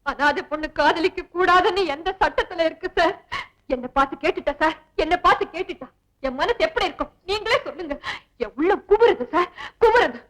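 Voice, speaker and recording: A woman playing a frank young orphan woman, high voice. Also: moderate pace, pauses often, natural voice, low-quality recording. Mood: tearful, protesting. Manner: blunt and reasoning, addresses him as sir. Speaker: household worker. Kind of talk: 1960s Tamil film acting.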